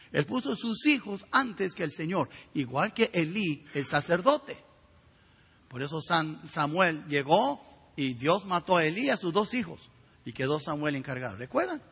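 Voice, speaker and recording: A middle-aged male pastor preaching a sermon with a raspy, gravelly voice and emphatic rhetorical questions. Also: high-pitched, pushed and bright. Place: church sanctuary. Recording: reverberant hall.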